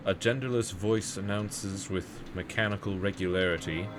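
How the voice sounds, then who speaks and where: Male streamer narrating a gamebook, lowish voice, loud music behind. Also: fairly even intonation, normal speed. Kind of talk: second-person game narration.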